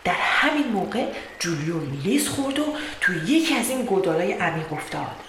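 A woman storyteller reading a children's tale in calm, measured narration. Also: lowish voice. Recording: roomy echo with background noise.

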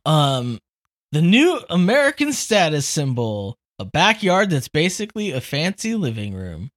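A woman in her thirties co-hosting a casual podcast, laughing often and reacting with animated outrage. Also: low-pitched. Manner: giggly, animated, quick to laugh. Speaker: podcast co-host.

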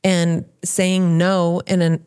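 A woman's voice: lowish voice, level tone, takes it slowly, darkish tone, clean tone. A woman hosting a casual podcast discussion, talking in a reflective way and asking the others questions.

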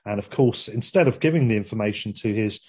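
A man talks films in a relaxed, rambling way, stopping and starting as he retells a plot. His voice is dark and mellow with a husky edge. The delivery is loose chat between friends. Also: on the low side, fast. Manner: rambling, with frequent fillers and laughs. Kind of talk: casual film discussion.

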